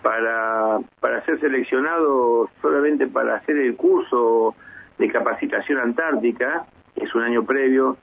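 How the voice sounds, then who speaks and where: A husky-voiced man in his fifties answers questions over a tinny phone line. He talks in a measured, hesitant way and often restarts his sentences. His pitch sits in an ordinary middle range. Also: dry recording. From Argentina. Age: 50s. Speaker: base commander guest. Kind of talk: phone interview on radio.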